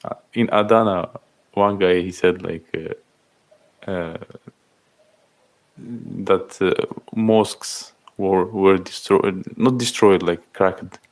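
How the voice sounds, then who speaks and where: A man in his thirties from Algeria, chatting casually on a livestream, reading out and thanking viewers' comments in halting speech. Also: low voice, fairly even intonation. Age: 30s. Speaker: livestream host. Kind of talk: casual live-stream chat.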